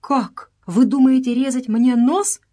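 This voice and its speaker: A woman's voice: high-pitched, fairly even intonation, measured pace, warm tone, pitched above the performer's own voice. A woman voicing a grumbling English servant man who complains indignantly and pleads in a storybook reading. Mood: alarmed.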